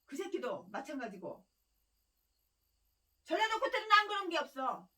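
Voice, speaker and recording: Far from the mic, a woman pastor preaches with fire and scolding, driving home repeated phrases and lashing out in harsh, angry rants with insults. Her voice sits high with big pitch swings, moving at a moderate pace, pushed and bright.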